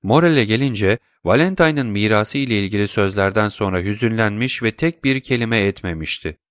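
A man reading a classic novel aloud in steady audiobook narration. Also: lowish voice, a little fast, no echo.

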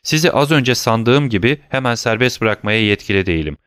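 A man's voice: medium pitch, expressive, a little fast, fairly bright tone, clear, resonant tone, no echo, close to an everyday voice. A man voicing a shaken, secretive middle-aged male prosecutor who speaks curtly and commandingly, then turns persuasive. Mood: stern.

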